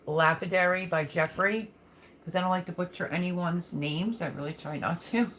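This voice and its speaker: A woman's voice: fairly low pitch, moderate pace, a bit bright, a little hiss or hum. A woman hosting a casual live chat, talking in a folksy, affectionate way as she reads and answers viewer comments. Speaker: livestream host.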